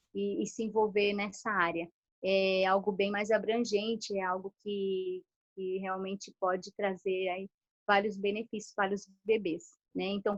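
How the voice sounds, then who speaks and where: A woman's voice: medium pitch, a bit bright, lo-fi sound. A woman educator giving an informal online talk to parents, explaining patiently with frequent tag fillers and restarts.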